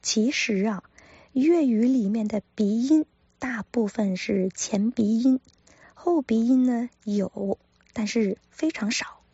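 A woman teaching pronunciation in a careful manner, repeating each sound slowly for practice. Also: fairly high pitch, mellow, slightly rough, no room sound, dull audio. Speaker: language teacher. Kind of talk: pronunciation lesson.

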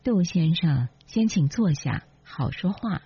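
女朗读者演绎的温婉端庄的年轻女子. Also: female voice, on the low side, expressive, slow, warm tone, slightly rough, full character voice. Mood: polite. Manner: polite, solemn. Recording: dull lo-fi, dry.

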